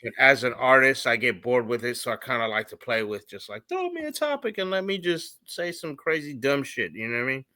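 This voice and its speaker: Laid-back man from Hawaii, bright voice. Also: mid-range voice, lively intonation, brisk, hardly any pauses, no room sound. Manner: easygoing, laughs often, slangy. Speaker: comedian and educator. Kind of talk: casual chat.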